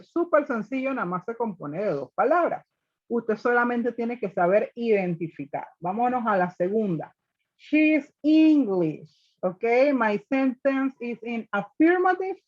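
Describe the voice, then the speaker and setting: A woman's voice: mid-range voice, highs cut off. Patient woman teacher on a video call. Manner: patient, step by step, often checking with "ok?". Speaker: English teacher. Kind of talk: online class explaining grammar, mixing Spanish and English.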